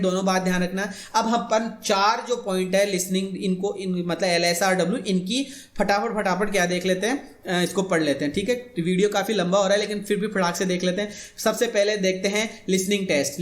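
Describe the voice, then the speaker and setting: Man teaching in a roomy echo. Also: high-pitched. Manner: reads English text slowly, then explains in Hindi; casual, repetitive explaining. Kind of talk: exam-prep video lecture.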